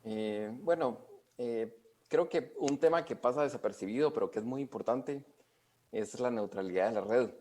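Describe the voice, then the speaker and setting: A man's voice: mid-range voice, moderate pace, dark tone. A man answering interview questions, explaining at length with frequent hesitations and fillers. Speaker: expert guest.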